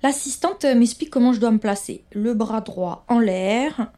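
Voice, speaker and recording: Her voice is a little high, warm, and animated, yet unhurried, as a young adult woman narrates a personal story in a conversational style. She keeps tagging lines with "hein" and talks directly to listeners, with no echo in the recording.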